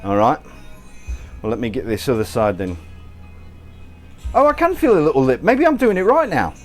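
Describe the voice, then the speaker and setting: An American man hosts a relaxed cooking livestream from his kitchen, chatting and joking with viewers as he works. His voice sits at an ordinary middle pitch, with faint music in the background. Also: moderate pace. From United States. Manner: chatty, joking, answers viewers while working. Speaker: cooking show host. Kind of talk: casual livestream chat.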